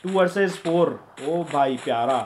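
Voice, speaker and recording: A fairly high-voiced man calls a live match for his stream, laughing and joking one moment and yelling in the next. Loud constant noise sits under his voice throughout. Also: moderate pace. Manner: excitable, shouting during fights, joking. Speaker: game streamer and caster. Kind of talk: live game commentary.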